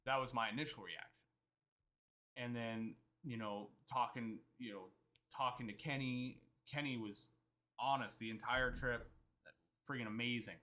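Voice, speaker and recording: A man's voice: mid-range voice, steady tone, normal speed, sharp tone. A man recapping a trip in casual, rambling storytelling, often quoting himself and others. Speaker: vlogger.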